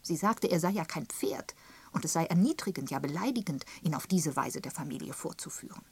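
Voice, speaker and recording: A woman reading the part of a gossiping, sharp-tongued spinster in an audiobook, pointed and emphatic in tone. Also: low voice, lively intonation, brisk, slightly rough, exaggerated voice. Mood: gossipy. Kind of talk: audiobook character voice.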